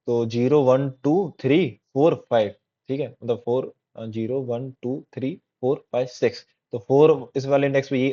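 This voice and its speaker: Heard on a dull lo-fi recording, a coding tutor speaks in a mid-range, darkish voice. His teaching is chatty and repetitive, punctuated by frequent "theek hai" check-ins with his listeners.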